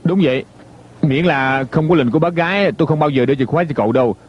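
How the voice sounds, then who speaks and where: A man's voice: fairly high pitch, fast, slightly rough. A man dubbing a loyal family steward in a TV drama, polite but firm. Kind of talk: dubbed TV drama. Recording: dull lo-fi dub with music.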